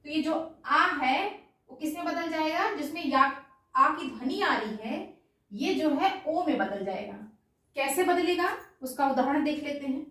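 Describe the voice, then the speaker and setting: A teacher with a high, somewhat bright voice leads an exam-prep grammar lesson, expressive and unhurried. She asks a question, answers it, then repeats the answer, sounding far from the mic in a very echoey room.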